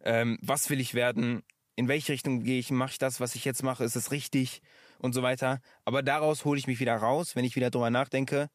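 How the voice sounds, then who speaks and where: A man's voice: medium pitch, fairly even intonation, brisk, dry recording, clean studio sound. A man talking in a casual podcast conversation, reflective and sometimes searching for his words. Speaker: podcast guest.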